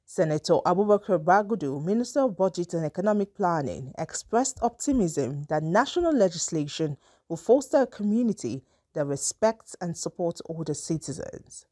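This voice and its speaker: A woman's voice: lowish voice, lively intonation, moderate pace, hardly any pauses, warm tone, dry recording, clean studio sound. A woman with a Nigerian accent reading a scripted news report as a reporter.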